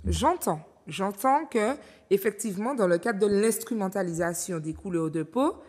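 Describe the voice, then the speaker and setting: A measured, reflective woman from Martinique who hosts a studio discussion and reads out viewer comments. Her voice sits at a middle pitch for a woman. A long reverb trails behind her words. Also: animated, a little mellow. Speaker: talk show host.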